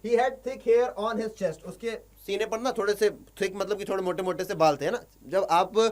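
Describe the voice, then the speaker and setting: A young male teacher with a fairly high voice. He reads the English text in slow, drawn-out phrases, then switches to brisk Hindi explanation, and he keeps things light with jokes for his students. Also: fairly even intonation, darkish tone. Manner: jokey asides to students.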